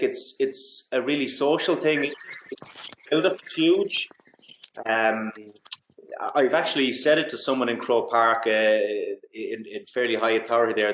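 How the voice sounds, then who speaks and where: A man's voice: mid-range voice, a bit bright, a little hiss or hum. Echoey west of Ireland man chatting sport. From Galway, west of Ireland. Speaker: interview guest. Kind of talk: casual sports chat. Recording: roomy, echoey sound.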